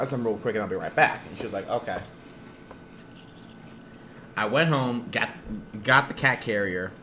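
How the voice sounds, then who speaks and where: A young man casually telling a funny story on a podcast, animated and quick to act out other people's lines. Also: a little hiss or hum. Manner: animated, acts out quotes in high squeaky voices. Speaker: podcast co-host.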